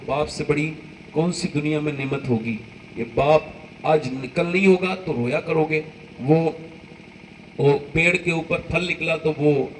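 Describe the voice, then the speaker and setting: Impassioned older preacher at a graveside. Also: male voice, medium pitch, far from the mic, a little hiss or hum, rough recording. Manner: impassioned, emotional pleading. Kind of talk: sermon. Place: outdoors at a graveside.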